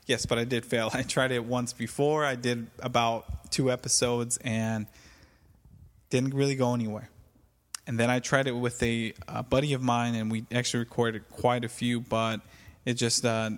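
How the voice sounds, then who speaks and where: A man's voice: medium pitch, level tone, normal speed, big-room sound. A man from California hosting a solo podcast, talking casually with many fillers and restarts. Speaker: podcast host.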